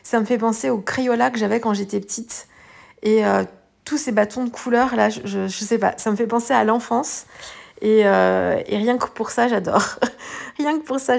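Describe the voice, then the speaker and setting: Brief: woman craft vlogger, high-ish voice with heavy vocal fry, casual rambling voice-over, tired, lots of fillers. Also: darkish tone. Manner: rambling, hesitant, many fillers and restarts. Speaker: art journaling video host.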